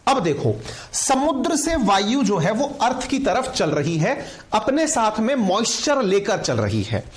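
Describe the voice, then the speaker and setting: A man teaching a lecture to online viewers. He talks in a lively way and keeps asking his listeners questions. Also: high-pitched, a little slow. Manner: lively, asks viewers questions, calls them companions. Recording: roomy echo.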